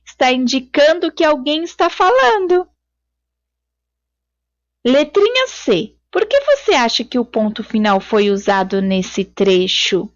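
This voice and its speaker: Patient female teacher, high lively voice. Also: no echo, lo-fi sound. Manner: slow, patient explaining to children. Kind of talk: recorded video lesson.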